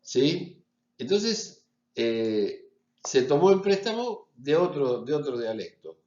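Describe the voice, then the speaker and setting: Slow Rioplatense man lecturing, echoey room. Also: fairly high pitch, very animated, dark tone. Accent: Rioplatense Spanish. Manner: explanatory, checks in with frequent "¿sí?". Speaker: university lecturer. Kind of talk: recorded phonetics lecture. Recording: echoey, slightly dull recording.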